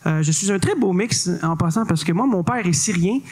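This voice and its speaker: A man's voice: sits high, animated, a little fast, a little mellow. A young man with a Québécois accent performing stand-up comedy on a club stage, playful and self-mocking with punchy delivery. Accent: Québécois French. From Quebec.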